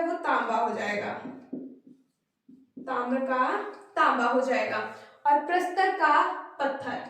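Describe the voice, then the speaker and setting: High-voiced woman teacher in an echoey room. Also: a bit bright, far from the mic. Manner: repeats and drills each word pair patiently. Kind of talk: Hindi grammar lesson for exam prep.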